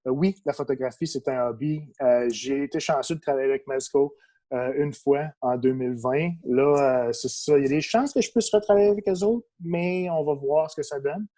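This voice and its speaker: This young adult man, a native English speaker from Quebec, carries a Québécois accent and talks fairly quickly at a medium pitch. He's a toy photographer appearing as a podcast guest. The conversation is casual and relaxed, with plenty of fillers and restarts.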